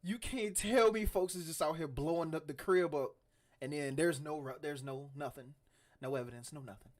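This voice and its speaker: Male podcast co-host, slightly high voice, emphatic and animated, loose casual banter. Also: moderate pace. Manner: animated, emphatic, mocking impressions. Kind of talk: casual chat.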